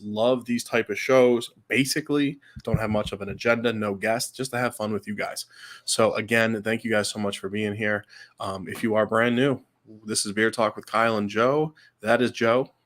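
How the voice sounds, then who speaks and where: A co-host with a fairly low, somewhat bright voice chats easily on a casual livestream, using lots of fillers. He's fighting a cold and sounds slightly stuffed.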